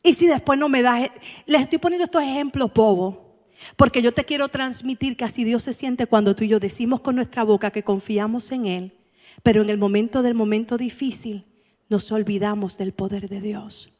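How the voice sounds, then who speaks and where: A woman's voice: a little high, normal speed, darkish tone. A woman preaching a sermon in an emphatic style, putting rhetorical questions to the congregation in a church. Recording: long reverb of a large hall.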